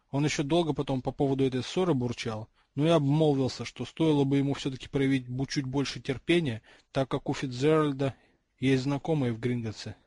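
A man's voice: medium pitch, darkish tone, no echo, natural voice. A man voicing a well-off teenage wizard boy in an audiobook, chatty and explaining things in a confiding tone.

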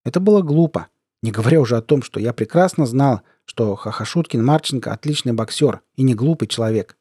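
A man narrates a first-person audiobook in a measured, even way. His voice is mellow and warm, at a middle pitch. The recording is dry and close. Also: breathy edge, dry recording.

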